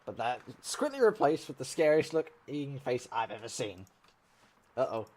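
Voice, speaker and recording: A man hosting a let's play, reading a visual novel aloud in an animated way. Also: mid-range voice, normal speed. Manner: animated reading, laughs and shouts at tense moments.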